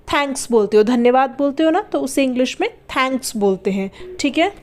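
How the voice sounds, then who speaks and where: A young woman teaching a beginner English lesson, spelling each word out slowly and answering her own questions. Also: fairly high pitch, a little mellow. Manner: patient, spells words letter by letter, asks and answers own questions. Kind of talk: spoken language lesson.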